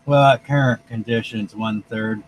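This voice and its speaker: A man's voice: mid-range voice, steady tone, moderate pace, a little hiss or hum, low-quality recording. Rambling man chatting on a live stream. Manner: rambling, restarts sentences. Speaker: vlogger co-host. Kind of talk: casual live-stream chat. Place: outside by their van.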